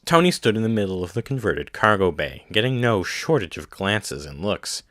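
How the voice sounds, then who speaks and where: A man narrating a science-fiction audiobook in a steady, measured way. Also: fairly low pitch, dry recording, studio quality.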